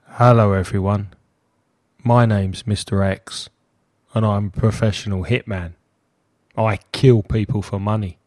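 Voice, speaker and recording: A man playing an anonymous professional hitman in a scripted monologue, matter-of-fact and deliberate, with a disguised deep voice. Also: darkish tone, no echo, studio quality. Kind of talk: scripted first-person monologue.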